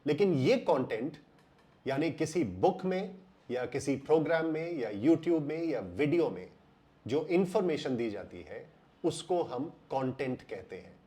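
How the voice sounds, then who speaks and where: An Indian man explaining English pronunciation in a voice-over lesson, slowing down and drawing out words to stress them. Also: a little high, lively intonation, mellow.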